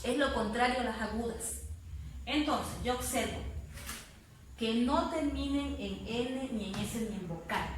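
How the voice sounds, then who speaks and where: A woman teacher explains a grammar lesson patiently, slowing down to repeat words one syllable at a time. Her fairly high voice sits some distance from the mic and rings in a strongly echoing room over faint background noise. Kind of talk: spanish grammar lesson to students.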